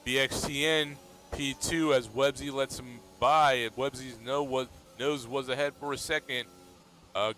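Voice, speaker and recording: A man commentating a sim racing league race in a relaxed, steady play-by-play manner. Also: mid-range voice. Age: adult.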